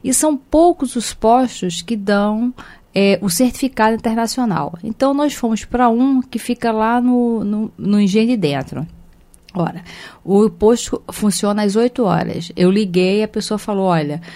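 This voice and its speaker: A woman's voice: a little high, moderate pace, dark tone. Brazilian woman, host, casual anecdotal chatter. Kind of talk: casual chat.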